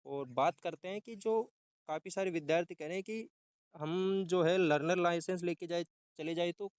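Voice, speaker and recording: Clear-voiced young man explaining exam rules. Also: high voice, normal speed, no room sound. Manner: informal, repeats and restarts words while explaining. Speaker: exam-prep YouTuber. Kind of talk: explaining a job notification.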